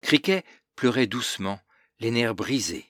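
A man narrating a novel as an audiobook in a measured, literary manner. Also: medium pitch, animated, fairly bright tone, dry recording, clean studio sound.

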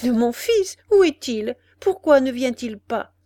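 Brief: desperate pleading old widow, high and loud, as a female reader puts her on; dry close sound. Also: expressive, unhurried, no echo. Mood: eager. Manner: pleading, exclaiming. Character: poor old widowed mother, anguished and pleading.

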